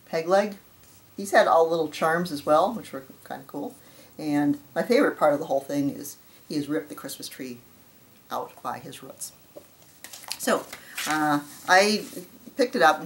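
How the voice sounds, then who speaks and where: A middle-aged woman hosting a casual show-and-tell craft vlog, chatty and self-deprecating, with fillers and restarts. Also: deep voice. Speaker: flosstube host.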